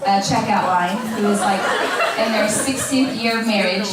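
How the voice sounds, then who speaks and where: A woman's voice: medium pitch, normal speed. Young woman toasting in an echoey hall. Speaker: wedding guest giving a toast. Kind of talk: informal wedding speech. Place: large echoey room at a wedding reception. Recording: echoey hall, far mic, audience audible. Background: audience crowd.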